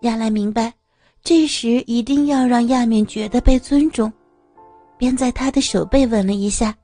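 A woman narrating an audio story in a smooth, steady reading voice. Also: fairly high pitch, normal speed, faint music behind.

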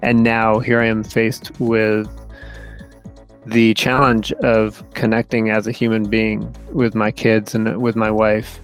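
A man co-hosting a podcast, speaking thoughtfully and hesitantly, with halting restarts as he reflects. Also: on the low side. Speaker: podcast co-host. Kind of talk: casual reflective podcast talk.

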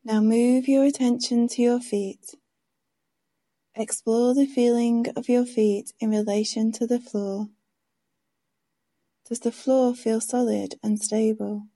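A woman leading a guided meditation in a soft, soothing, hushed manner, giving gentle instructions. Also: on the high side, level tone. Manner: slow, gentle instructions with pauses.

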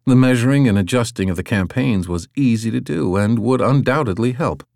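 A man narrating an audiobook in an even, clear storytelling manner. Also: mid-range voice, a little fast, no room sound, studio quality. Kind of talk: scripted narration.

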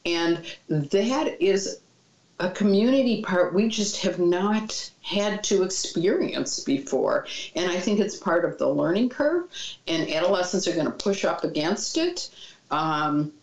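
Low, gravelly woman in an echoey room. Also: a little slow. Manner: calm, reassuring advice. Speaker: child mental health expert. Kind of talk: interview answers. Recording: dull, echoey room sound.

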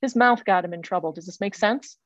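A woman's voice: mid-range voice, a little fast, no room sound, muffled recording. A woman giving a psychic reading over a remote call, earnest and insistent, often stopping and repeating her phrases. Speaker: psychic medium.

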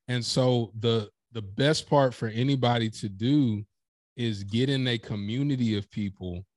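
A man with a medium-pitched voice guests on a podcast as a professional speaker, telling lively, emphatic stories and acting out quotes during a casual interview. The audio is clean studio sound with no room sound.

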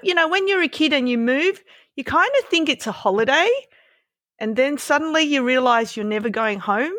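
As an interview guest, this woman in her fifties speaks candidly and casually about her life, with some self-deprecation; she was born in Malaysia, moved to Australia around twelve, and has an Australian accent. Her slightly high, fairly bright voice comes through in a dry, clean studio recording.

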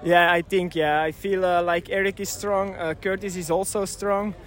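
Belgian guy racer in an interview, high voice, feeling for his english words, laid-back chat. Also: little pitch movement, normal speed, fairly bright tone. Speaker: race winner being interviewed. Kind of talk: casual interview answers.

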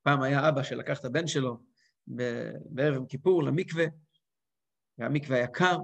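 A man teaching a lively spoken lesson as a rabbi, acting out quotes and voices with big swings. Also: medium pitch, gravelly.

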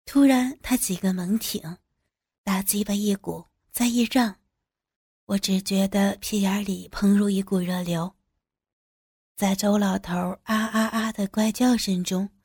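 A woman narrating a story in the first person, with unhurried, plain storytelling. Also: mid-range voice, a little mellow, husky, dry recording, clean studio sound.

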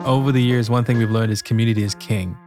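A man's voice: medium pitch, steady tone, fast talker, a little mellow, faint music behind. A man hosting a podcast, telling stories in a reflective way and introducing a guest. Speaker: podcast host. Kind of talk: scripted intro and casual chat.

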